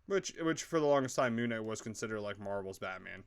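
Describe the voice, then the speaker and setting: A man's voice: on the low side, lively intonation, fairly quick, clear, resonant tone. A man co-hosting a casual show review, rambling with lots of fillers and frequent swearing. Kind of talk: casual chat.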